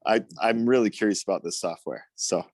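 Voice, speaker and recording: A lower-voiced man speaks into his phone outdoors, and his sound is dry and close. He is out of breath and rambles eagerly, with lots of ums and likes. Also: lively intonation, a little fast, darkish tone, no room sound. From Utah. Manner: enthusiastic, rambling, many fillers. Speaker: meeting participant. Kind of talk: casual video call talk. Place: outdoors, windy. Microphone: phone on a video call.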